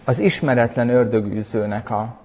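Husky guy preaching a sermon, big reverby hall, punchy and animated. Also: mid-range voice. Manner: animated, emphatic preaching with sudden loud peaks. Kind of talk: sermon with prayer.

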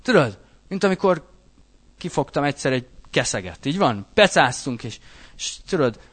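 A man preaching a sermon in a conversational way, reading verses aloud and then explaining them, often checking in with his listeners. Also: a little high. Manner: animated, conversational, often asks listeners "you know?".

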